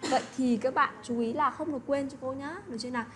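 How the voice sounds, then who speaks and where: A woman's voice: sits high, fairly even intonation, fast, fairly bright tone, soft background music. A woman teaching an English lesson to children, who keeps checking in with little tag questions. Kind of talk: online lesson explanation.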